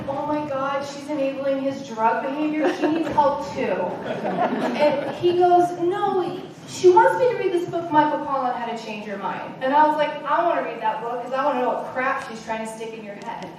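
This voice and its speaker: High-voiced woman in an echoey hall. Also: recorded from a distance, a little hiss or hum. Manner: candid, animated, acts out quoted voices. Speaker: conference speaker. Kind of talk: personal story talk. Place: conference hall.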